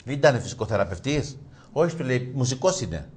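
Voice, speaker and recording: A man tells jokes in a relaxed chat, his voice sitting at a middle pitch. He acts out each character's lines and jumps high and loud when a punchline lands. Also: slightly rough. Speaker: joke teller.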